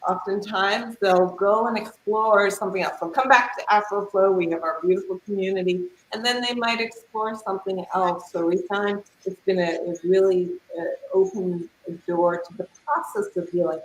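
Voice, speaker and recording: A woman guest talking about yoga and healing over a video call whose audio glitches and cuts out. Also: medium pitch. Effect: glitchy audio cutting out. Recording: echoey room with faint noise.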